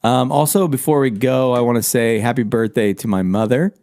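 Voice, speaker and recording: A man's voice: mid-range voice, steady tone, brisk, darkish tone, no echo. A man co-hosting a podcast, rambling and joking in a laid-back, casual chat. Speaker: podcast co-host.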